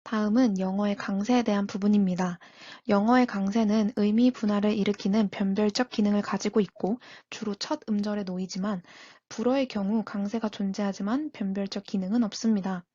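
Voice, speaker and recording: A young woman, a university student, reading a prepared class presentation in a measured, scripted way. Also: medium pitch, steady tone, dark tone, dry recording, lo-fi sound. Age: young adult.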